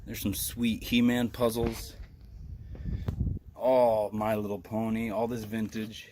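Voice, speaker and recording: A man vlogging casually, telling animated, excitable stories with fillers and laughs, partly recorded outdoors. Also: fairly low pitch, takes it slowly, slight background noise. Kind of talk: casual vlog storytelling.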